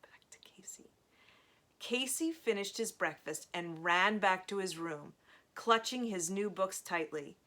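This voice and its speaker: A woman reading a novel aloud in a slow, measured storytelling manner, with casual asides between chapters. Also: mid-range voice, animated, sharp tone. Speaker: reader of a novel.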